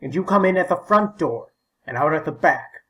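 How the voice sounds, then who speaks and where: A man's voice: fairly high pitch, lively intonation, moderate pace, bright, forceful tone, rough recording. A man voicing a stubborn, fussy old man in an audiobook, peevish and sputtering. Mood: grumbling. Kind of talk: audiobook character voice.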